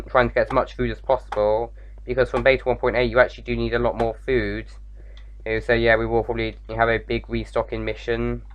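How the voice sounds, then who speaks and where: A man's voice: mid-range voice, fairly bright tone, smooth, highs cut off. Rambling gamer losing his voice. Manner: rambling, lots of "like" fillers, self-mocking. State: losing his voice, tired late at night. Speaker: gaming YouTuber. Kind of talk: casual gameplay commentary.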